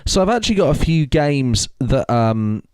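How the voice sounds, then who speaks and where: A man's voice: mid-range voice, sing-song, normal speed, darkish tone, smooth, dry recording. A young man co-hosting a podcast in casual chat, laid-back and swearing freely. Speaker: podcast co-host.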